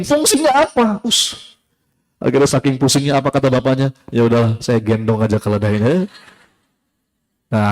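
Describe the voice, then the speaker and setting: A man giving a casual sermon to a live audience, lively, acting out voices in his story and repeating key phrases. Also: on the high side. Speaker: preacher.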